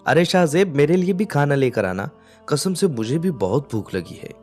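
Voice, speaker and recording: A man's voice: on the low side, expressive, unhurried, soft background music. A man voicing a cheeky, bossy young bride who teases her husband. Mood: teasing. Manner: bossy, teasing.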